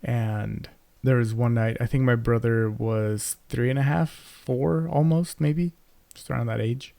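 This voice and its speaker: A man's voice: mid-range voice, steady tone, a little slow, vocal fry, warm tone, no room sound. A young man co-hosting a podcast, telling a family story in casual chat, rambling with many fillers and restarts into a close mic. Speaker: podcast co-host.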